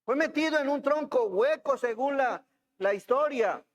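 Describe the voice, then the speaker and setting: Pastor, high voice, preaching slow, lots of church reverb. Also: male voice, expressive, dull audio. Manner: asks the congregation questions, reads scripture aloud. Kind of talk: sermon. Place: church hall. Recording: long hall reverb in church.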